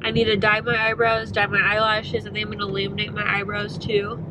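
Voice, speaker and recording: A woman's voice: mid-range voice, completely flat delivery, a little fast, background noise. A young woman in her twenties, stuffy and congested, chatting casually to camera with lots of fillers. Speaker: vlogger. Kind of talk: casual vlog chat.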